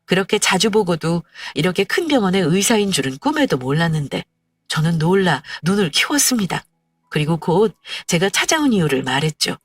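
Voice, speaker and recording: A woman reading a first-person story aloud in a soft, measured storytelling manner. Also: lowish voice, very animated, husky, no echo. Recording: dry distant mic with faint music. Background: faint background music.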